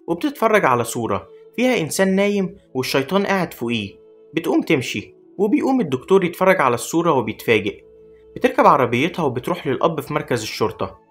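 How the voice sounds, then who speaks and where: A man with an Egyptian accent races through a horror film recap, his lines tumbling out at a very fast pace. His voice sits a little high and swings up and down in a lively way. Soft music plays faintly beneath the narration. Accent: Egyptian Arabic.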